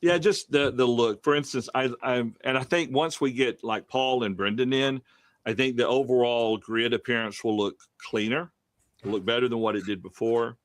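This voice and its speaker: A man's voice: mid-range voice, normal speed, no room sound. A man hosting a casual online Bible study discussion over a video call, rambling with many fillers. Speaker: host running the online study.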